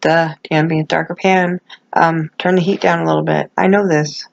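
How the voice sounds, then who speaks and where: A woman's voice: low-pitched, level tone, moderate pace, gravelly, dull audio. A middle-aged woman chatting casually as a vlogger, rambling and self-deprecating, with gummy, toothless articulation and no dentures in. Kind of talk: casual chat to camera.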